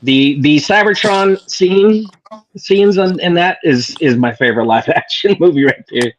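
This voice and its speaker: Animated joking man on a lo-fi line. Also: on the high side, measured pace, slight background noise. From Washington State, US. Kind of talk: casual group chat.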